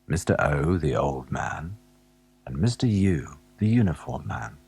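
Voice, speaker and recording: Deep, husky man reading a children's storybook. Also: animated, unhurried. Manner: gentle, asks the listener questions and waits. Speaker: narrator of a children's alphabet tape. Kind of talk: scripted storybook narration for young children.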